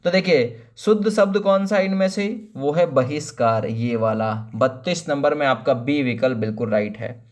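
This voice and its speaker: A man's voice: mid-range voice, moderate pace. A man teaching a spelling lesson for exam preparation, asking rhetorical questions, drawing out words letter by letter and calling viewers friend. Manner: explains each option, asks rhetorical questions; familiar, calls viewers friend and brother.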